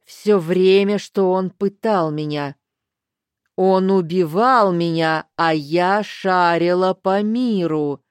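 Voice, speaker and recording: A woman voicing a blind, tortured old woman who talks slowly in a hoarse, hissing voice. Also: lowish voice, no room sound. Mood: menacing. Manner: slow, drawn-out and menacing.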